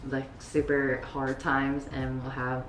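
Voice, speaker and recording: A young woman chatting casually in a vlog, relaxed and laughing often between her words. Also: rumbling low, takes it slowly, reverberant, slight background noise. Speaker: vlogger and beach volleyball player.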